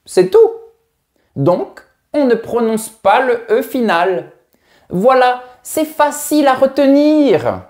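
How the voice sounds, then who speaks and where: A man's voice: very high-pitched, very animated, slow pace, darkish tone, pitched above the performer's own voice, heavily acted. A man voicing a pompous elderly male creator of the French language, talking in a grand, formal, lecturing way. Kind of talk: comic teaching sketch.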